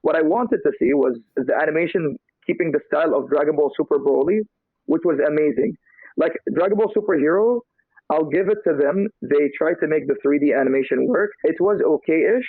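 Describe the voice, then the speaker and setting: A man's voice: on the high side, brisk, dry recording. Young man on a tinny phone-like line. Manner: rambling, relaxed, fillers like "like". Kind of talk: casual chat. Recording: thin phone-like sound.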